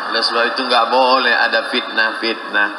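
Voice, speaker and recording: A man giving a humorous sermon to a crowd, animated and jumping into shrill voices when he quotes people. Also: moderate pace, noisy background. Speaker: preacher. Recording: echoey hall, live sermon.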